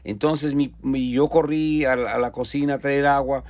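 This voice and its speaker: A man's voice: medium pitch, fairly even intonation, normal speed, a little mellow, no room sound. A preacher telling a personal testimony in earnest storytelling, often repeating and restarting his phrases.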